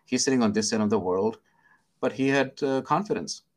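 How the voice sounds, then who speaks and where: A middle-aged man from India with an Indian accent, a guest telling his story in an interview, halting and self-deprecating, with many fillers and restarts. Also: mid-range voice, noisy background. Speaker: guest, psychiatrist.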